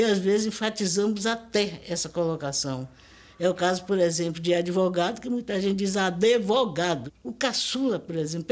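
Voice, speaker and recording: A woman's voice: fairly low pitch, darkish tone. An older woman from Brazil with a Brazilian Portuguese accent, speaking as a linguist in a documentary interview, emphatic and didactic. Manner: emphatic, didactic, spells out pronunciations.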